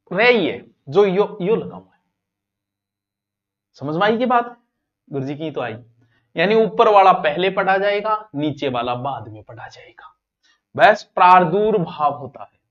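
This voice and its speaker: Man, Rajasthani accent, exam-prep teacher, quizzing, mixing Hindi and dialect, high voice, muffled lo-fi sound. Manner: quizzing students, switching between Hindi and local dialect. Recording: dull lo-fi recording.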